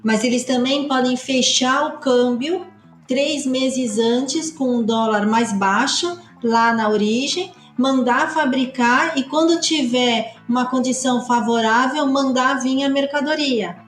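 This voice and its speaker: A woman with a fairly high voice explains customs and freight on a podcast in quick, emphatic bursts. The room echoes around her, and faint music plays underneath. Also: fairly even intonation. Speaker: customs consultancy partner. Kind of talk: podcast discussion.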